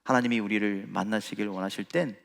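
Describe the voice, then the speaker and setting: A man's voice: lowish voice, steady tone, fast, gravelly. A male pastor preaching a sermon with emphatic rhetorical questions, addressing his congregation. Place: church sanctuary. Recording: long church reverb.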